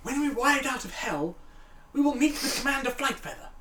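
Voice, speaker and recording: A woman's voice: high-pitched, lively intonation, fairly quick, reverberant, distant mic, background noise. A woman voicing an earnest male priest, declaiming solemnly. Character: earnest male priest who hears from God.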